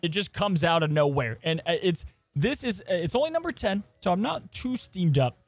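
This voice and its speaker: A man co-hosting a casual gaming podcast, animated and jokey as he runs the segments. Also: high voice, moderate pace, no echo, faint music behind. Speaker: podcast co-host.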